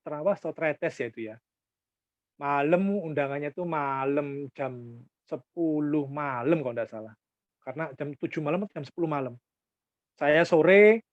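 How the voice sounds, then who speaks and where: A man's voice: on the high side, no echo. A man preaches a sermon, bringing his anecdotes to life by acting out the people in them. The recording is dry and a little dull, with the muffled feel of lo-fi sound. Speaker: pastor.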